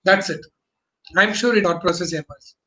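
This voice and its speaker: A man's voice: high-pitched, moderate pace, fairly bright tone. A man from Bangalore, explaining business as an interview guest in emphatic, choppy phrases with rhetorical questions. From Bangalore, India.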